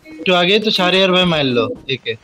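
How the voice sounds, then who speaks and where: Excited gamer man calling enemies. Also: high voice, fast, soft background music. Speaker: streamer. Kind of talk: casual gaming chat.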